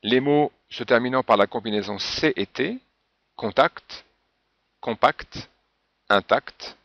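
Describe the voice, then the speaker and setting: A man's voice: fairly low pitch, no room sound. A man teaching a French pronunciation lesson, patiently spelling out example words one by one. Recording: dull, dry lo-fi recording.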